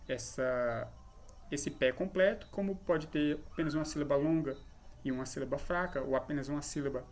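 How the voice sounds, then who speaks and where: A man's voice: a little high, a little mellow. A man with a Brazilian Portuguese accent giving an improvised, hesitant commentary on a book, explaining poetic meter with frequent tag questions.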